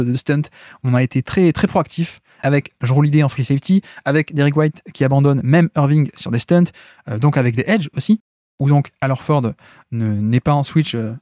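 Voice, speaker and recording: A man's voice: medium pitch, dark tone, no echo, clean studio sound. A man hosting a solo basketball podcast, explaining game tactics step by step in unscripted, analytical talk.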